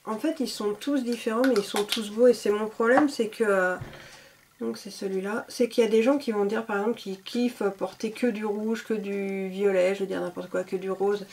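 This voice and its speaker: A woman's voice: mid-range voice, fairly even intonation, moderate pace, a little mellow, slight background noise. A woman chatting casually as a beauty vlogger, enthusiastic and full of fillers. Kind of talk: casual product showcase.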